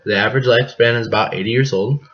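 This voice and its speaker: A young man from the US Midwest co-hosting a casual podcast, joking and rambling with deadpan asides, coughing now and then. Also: medium pitch, rapid-fire. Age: young adult. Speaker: podcast co-host. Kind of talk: casual chat. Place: apartment living room. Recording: dull lo-fi home recording, faint noise.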